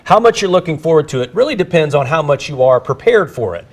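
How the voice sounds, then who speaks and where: A man's voice: on the high side, very animated, fast. A man hosting a financial advice show, coaching viewers on retirement planning in an earnest, conversational way.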